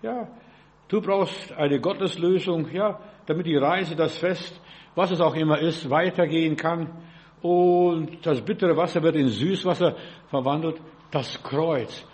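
A man preaching a sermon in short, animated phrases, acting out quoted voices and often stopping to check that listeners follow. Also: on the high side, measured pace. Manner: speaks in short broken phrases, often saying "ja" and "verstehst".

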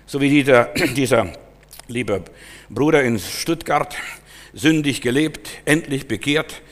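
A man preaching an emphatic sermon, swinging from loud exhortation to quiet, searching questions. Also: mid-range voice, takes it slowly. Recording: long hall reverb.

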